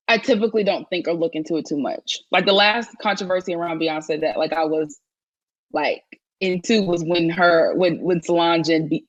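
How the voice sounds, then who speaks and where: A woman's voice: on the low side, no echo, lo-fi sound. A woman co-hosting a casual chat podcast, opinionated and emphatic, with frequent restarts. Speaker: podcast co-host.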